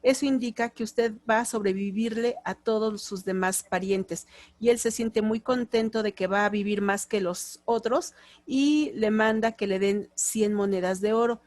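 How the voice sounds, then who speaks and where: A woman's voice: mid-range voice, normal speed, darkish tone, no echo. A woman with a Mexican accent, teaching a lecture class and now and then acting out quoted phrases in different tones. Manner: explanatory, acts out short quoted lines in different tones.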